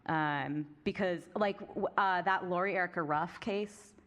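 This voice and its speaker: A woman co-hosting a podcast at a live audience Q&A, chatty and quick to laugh. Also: fairly low pitch, a bit bright. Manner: chatty, giggly, many fillers. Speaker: podcast co-host.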